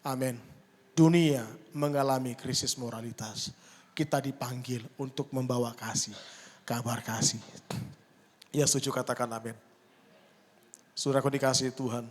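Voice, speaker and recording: A middle-aged man preaching a sermon, telling stories and acting out the dialogue with lively energy. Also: mid-range voice, normal speed, long pauses. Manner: animated storytelling, acting out dialogue. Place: church hall. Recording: long hall reverb.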